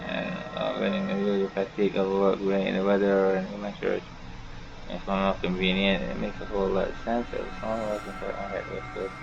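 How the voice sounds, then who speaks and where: Over music, a gaming YouTuber speaks in a low, creaky monotone, a little fast. He rambles through casual playthrough commentary and half-mumbles the on-screen text, captured in a dull, noisy home recording.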